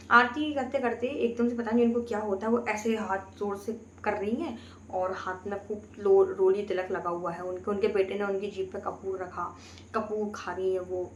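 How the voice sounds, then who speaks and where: Woman storyteller, earnest first-person recounting, medium pitch, echoey room. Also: a bit bright, a little hiss or hum. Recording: roomy echo, faint ambience.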